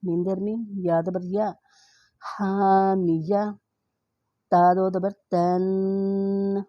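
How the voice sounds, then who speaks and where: A woman with an Urdu accent teaching Quran reading, spelling out each letter and vowel mark slowly and then blending the syllables. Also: mid-range voice, flat delivery, no room sound, muffled recording, faint music behind. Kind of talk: slow spelling-out recitation lesson.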